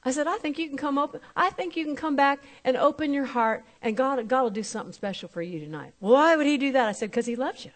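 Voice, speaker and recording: Woman minister, sermon testimony, lively retelling of a conversation. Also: high-pitched, fast talker, hardly any pauses. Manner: storytelling, acting out both sides of conversations.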